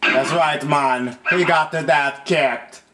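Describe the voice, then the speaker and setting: A man's voice: a little high, takes it slowly, sharp tone. A man giving casual, laid-back, profane commentary while playing a video game. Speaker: gamer. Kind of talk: casual let's play commentary.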